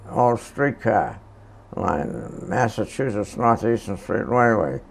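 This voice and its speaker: A very old man, recalling the past in a halting, hesitant oral history interview. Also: on the low side, lively intonation, creaky, slight background noise.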